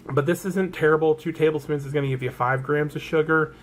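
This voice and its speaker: A man's voice: on the high side, steady tone, fairly quick, a little hiss or hum. A man with a Southern American accent chatting casually through a product haul, rambling and correcting himself as he goes. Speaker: vlogger.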